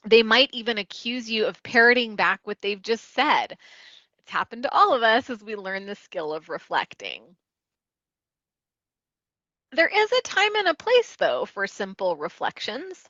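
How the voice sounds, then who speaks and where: A woman's voice: fairly high pitch, very animated, unhurried, dry recording, dull audio. A woman wellness coach giving an instructional talk, explaining a technique step by step and acting out short client quotes. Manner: warm explanatory teaching, acts out client quotes.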